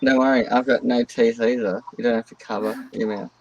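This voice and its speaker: A man joins a casual group chat, easygoing and quick with a joke. His voice is gravelly and full of fry, sitting at an average pitch. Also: fairly even intonation, highs cut off. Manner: easygoing, jokey.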